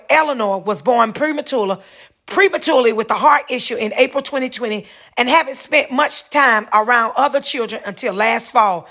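The host of a one-person podcast, this woman first reads a news article aloud and then rambles casually, often repeating herself and correcting what she says. Her voice is a little high, fairly bright, and edged with breathiness.

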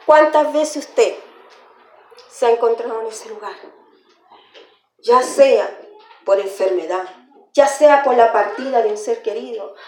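A woman's voice: fairly high pitch, measured pace, long pauses, a little mellow, roomy sound, slight background noise. A woman preaching a sermon with fervour, repeating phrases for emphasis.

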